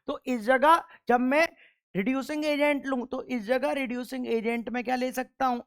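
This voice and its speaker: A male chemistry teacher lecturing a class in a smooth, resonant voice. He poses question after question and answers each one himself, and he patiently repeats the key answers for drilling. The sound is dry and close, with no room echo. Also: very high-pitched, fairly bright tone. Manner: quizzes with rhetorical questions and answers them himself.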